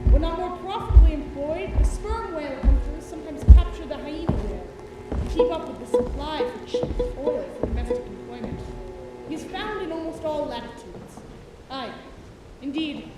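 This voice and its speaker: On a large theatre stage, a woman with an extremely high voice plays Elijah, an eccentric sailor-lecturer musing over whales, delivering a monologue in declamatory, old-fashioned literary language with dramatic pauses. The live performance is captured from far off in an echoey auditorium, with loud music playing behind her.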